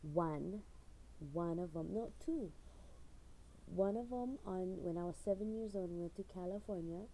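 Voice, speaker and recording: Middle-aged woman, rambling vlog storyteller, deep and mellow, faint hiss under her. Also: measured pace, low-quality recording. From Hawaii. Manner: rambling storyteller with frequent fillers and laughs. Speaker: channel owner. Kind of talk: casual personal vlog.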